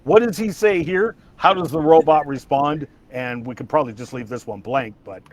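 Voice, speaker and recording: A man with a fairly high voice hosts a casual livestream from his home setup. He rambles a little, restarts his sentences and chuckles between thoughts. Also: moderate pace, dry recording. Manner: rambling, restarts, frequent laughter. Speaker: livestream host.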